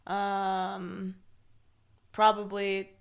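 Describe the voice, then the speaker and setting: A young woman co-hosting a podcast, chatting casually with sarcastic, deadpan jokes and a lot of swearing. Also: medium pitch, very slow, vocal fry. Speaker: podcast co-host, hairstylist. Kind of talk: casual chat. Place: room, sharing one microphone.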